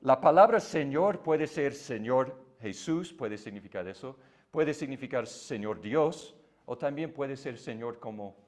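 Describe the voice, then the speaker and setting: A man's voice: mid-range voice, animated, a little slow, darkish tone. A man whose first language is English, teaching a Bible class in Spanish with patient explanations and frequent tag questions.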